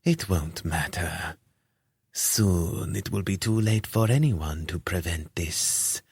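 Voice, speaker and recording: A man voicing a short, robed, fanatical priest who speaks with a lisp in a hushed, whispery way. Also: low-pitched, takes it slowly, husky, no room sound, exaggerated voice. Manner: hushed, whispery, distant delivery.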